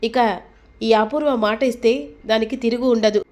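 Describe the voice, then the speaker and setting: A woman's voice: a little high, steady tone, moderate pace, darkish tone, close to an everyday voice. A woman reading the lines of a commanding elder woman of the household, speaking firmly and with authority. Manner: firm, authoritative.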